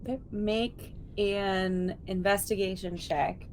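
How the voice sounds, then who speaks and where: A woman's voice: medium pitch, fairly even intonation, takes it slowly, darkish tone, slight background noise. A woman running a tabletop game as game master, describing scenes loosely with many fillers.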